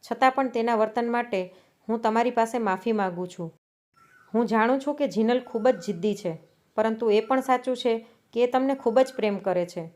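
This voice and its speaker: A woman voicing a humble, weary older father in a storybook reading, with a measured delivery. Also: a little high, a little mellow, close to an everyday voice.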